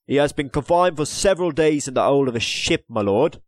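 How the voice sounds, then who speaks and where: A man doing a calm, reasonable royal counsellor. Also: medium pitch, no echo, pitched above the performer's own voice, natural voice. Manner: measured, reasonable.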